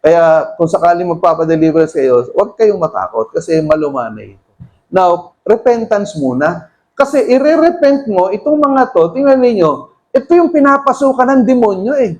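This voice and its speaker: A middle-aged Filipino pastor preaching a sermon in mixed Tagalog and English, emphatic, with sudden raised bursts. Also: male voice, sits high, sing-song, moderate pace, a little mellow, rough recording.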